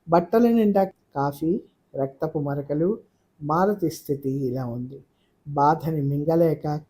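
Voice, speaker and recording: A man narrating a novel in an audiobook, his voice sitting a little high for a man. The tone is mellow and warm, delivered with steady, expressive pacing of a scripted reading.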